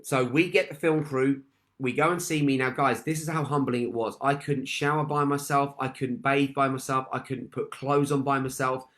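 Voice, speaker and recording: A man's voice: medium pitch, fairly even intonation, moderate pace, a bit bright. A man giving a motivational talk, telling a personal story with emphatic repetition and often addressing his listeners as "guys". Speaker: motivational speaker.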